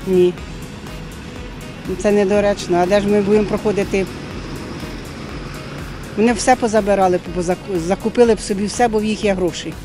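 A woman's voice: mid-range voice, fairly even intonation, brisk, long pauses. An older woman outdoors answering a reporter bluntly and indignantly. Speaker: passer-by in street interview. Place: garden street outdoors. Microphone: handheld reporter mic. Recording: music bed under voice.

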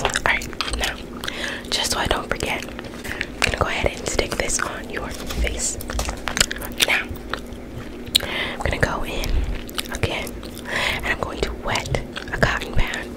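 A young adult woman doing an ASMR whispered role-play as an ear cleaner, speaking in a breathy, unvoiced whisper and giving instructions with repeated phrases. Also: unhurried, long pauses, poor audio. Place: small bedroom, indoors.

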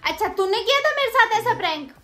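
A woman's voice: extremely high pitch, expressive, fast, sharp tone. A young woman vlogging at home, teasing and bossing her partner around in casual banter. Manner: teasing, bossy, playful. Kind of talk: casual prank vlog banter.

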